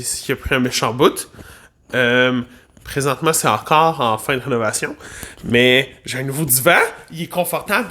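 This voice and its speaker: A man with a Québécois French accent, a vlogger and music teacher, telling a travel story in a playful, animated way with lots of asides. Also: on the high side. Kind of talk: casual storytelling vlog.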